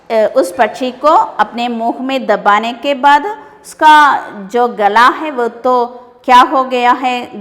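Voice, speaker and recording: A woman teaching a school Hindi lesson, reading story lines aloud and then explaining each word with questions and quick English glosses. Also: fairly high pitch, big-room sound.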